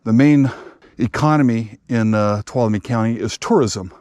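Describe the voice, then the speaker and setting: A man's voice: medium pitch, normal speed. A man in his fifties, a mountain bike vlogger, talking casually about the trail outdoors with plenty of fillers. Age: 50s. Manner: relaxed, rambling with fillers. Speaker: vlog host, mountain biker.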